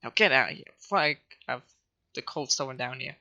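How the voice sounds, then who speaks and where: A man voicing a smug, snobby rival police officer who taunts and sneers, pitched higher and louder than his own talk. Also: brisk, creaky, muffled recording. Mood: sneering.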